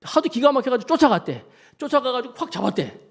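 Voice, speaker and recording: A man's voice: fast talker, vocal fry. A man preaching a sermon as pastor, telling a story and acting out the voices of its people. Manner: storytelling preacher, acts out quoted voices with lively pitch swings. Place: church sanctuary.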